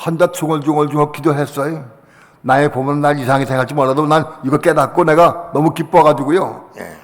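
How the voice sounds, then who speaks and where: A male pastor preaching a Friday evening sermon, passionate, dropping to quiet asides and rising to shouted declarations. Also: fairly high pitch, steady tone, brisk, long reverb tail. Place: church sanctuary.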